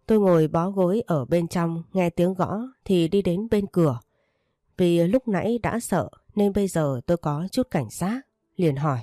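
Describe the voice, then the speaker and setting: A woman reading a first-person romance story aloud, voicing the dialogue in her own steady narrating voice. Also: lowish voice, no echo, studio quality.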